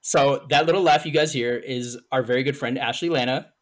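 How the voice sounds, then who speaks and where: A man's voice: medium pitch, fairly quick. A man hosting a podcast in casual, profane, hyped-up banter. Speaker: podcast host.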